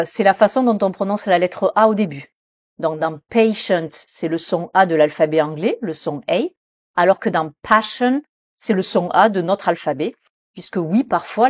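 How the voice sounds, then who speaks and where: A woman teaching English pronunciation in French, explaining patiently with frequent hesitations and slowing down to model English example sentences. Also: fairly low pitch, darkish tone, no echo, studio quality.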